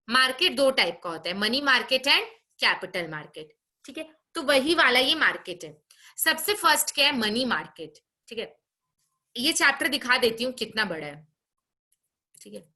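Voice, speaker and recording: Bright-voiced woman teacher scolding online class. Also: high voice, lively intonation. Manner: scolding, brisk, frequent tag questions. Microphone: video call.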